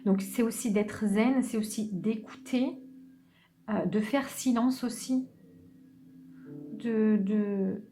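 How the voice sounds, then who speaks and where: Femme lente et douce, tireuse de tarot. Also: female voice, medium pitch, faint music behind. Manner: slow, gentle, hesitant with many restarts. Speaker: tarot reader. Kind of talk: unscripted tarot reading.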